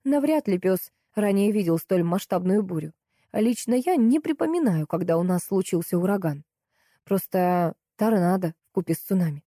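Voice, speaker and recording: A woman narrating a first-person audiobook in a steady, lively storytelling way. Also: medium pitch, moderate pace, no echo, studio quality.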